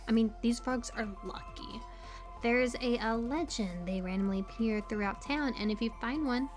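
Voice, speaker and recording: In an audio roleplay, a woman plays a bubbly, quirky young local from a small town, rambling casually with playful high energy and plenty of filler words. The performance is only lightly acted.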